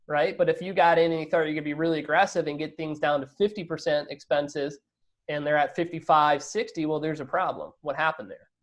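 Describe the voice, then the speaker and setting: In a conversational business interview, a male guest investor answers emphatically in a voice on the high side, frequently checking in with rhetorical questions.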